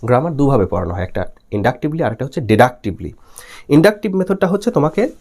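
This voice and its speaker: This is a young man from Bangladesh giving a recorded lecture, his voice rising and falling in a lively way. He reads out English lines at a slow, deliberate pace and then explains them again. He keeps asking his listeners questions and answering them himself. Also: mid-range voice. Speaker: teacher. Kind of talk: recorded exam-prep lecture.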